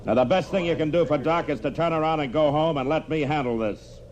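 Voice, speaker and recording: An actor playing a grave, authoritative frontier marshal with an American accent in an old-time radio western. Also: male voice, fairly high pitch, a little fast, a little mellow, dull audio, lightly acted. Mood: commanding. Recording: noisy old radio drama recording.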